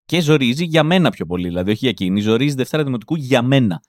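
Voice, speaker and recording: A man's voice: medium pitch, no room sound, studio quality. A man in his thirties, a comedian hosting his podcast, telling rambling, self-mocking stories in a comic monologue. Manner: animated, rambling, self-mocking, acts out quotes.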